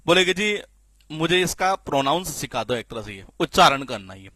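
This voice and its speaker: A man teaching spelling in a classroom-style lecture, lively and repetitive, often asking the class questions and answering them himself. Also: a little high, moderate pace, no room sound. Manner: lively, repeats questions to the class, frequent filler "ye".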